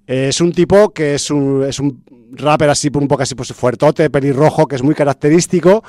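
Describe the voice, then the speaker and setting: Mellow-voiced man reviewing a film. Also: a little high, normal speed, no room sound, clean studio sound. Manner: chatty, lots of fillers and restarts. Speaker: film podcast host. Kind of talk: casual film review chat.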